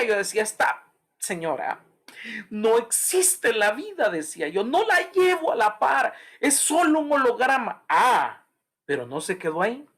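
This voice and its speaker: Lively-pitched storytelling pastor. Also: male voice. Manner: animated storytelling, acts out voices. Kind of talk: Bible study sermon.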